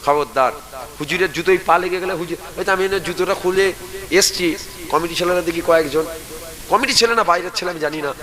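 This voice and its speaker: A male preacher delivers a sermon in a slightly raised voice. He presses his listeners, calls on them to answer aloud, and leads them in chanted prayers. A large crowd is clearly heard behind him. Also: sits high, fairly quick, poor audio.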